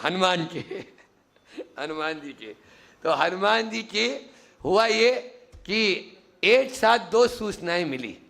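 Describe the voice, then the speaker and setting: A man's voice: high-pitched, vocal fry, a bit bright. A man, a Jain monk, giving a sermon at a teaching camp, asking his listeners questions and acting out little voices as he explains. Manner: teaching, asks the audience questions and acts out quick voices. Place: teaching camp hall with audience.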